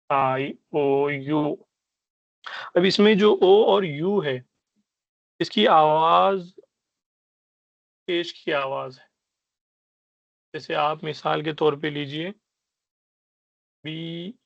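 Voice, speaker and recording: A man teaching a beginners' Arabic class, explaining patiently and sounding out letters and vowels slowly. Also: fairly high pitch, dry recording, muffled recording. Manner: patient explaining, repeats "ٹھیک ہے" to check understanding. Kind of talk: online language lesson.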